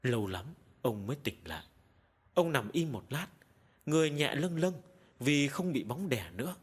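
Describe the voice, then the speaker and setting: A man narrating a horror audiobook in a dramatic, expressive storytelling manner. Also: medium pitch, normal speed, slightly rough.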